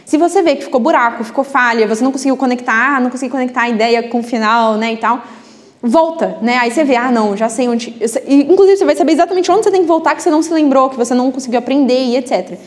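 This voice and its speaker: A woman's voice: sits high, racing. A woman teaching a live book club class in a chatty way, often adding tag questions. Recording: reverberant classroom.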